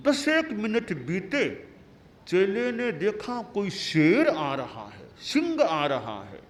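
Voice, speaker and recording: A man who is a monastic spiritual teacher, giving a sermon with a story and repeating key words deliberately. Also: high-pitched, huge pitch swings.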